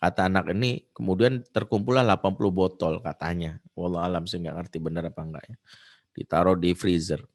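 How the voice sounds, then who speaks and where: A man's voice: deep voice, fairly even intonation, fairly quick, darkish tone. A man, a preacher and counselor, giving a conversational religious talk with stories, dotting his lines with "ya". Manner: conversational, with frequent filler "ya". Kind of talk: religious study talk with storytelling.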